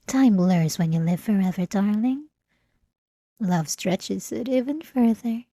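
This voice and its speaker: An obsessive vampire lady centuries old comes to life through a woman's intimate ASMR roleplay, spoken in a dark, soft, mid-range voice that lingers a little slowly with possessive, teasing sweetness. Her mood is taunting and wistful, and the audio is close-miked and very dry.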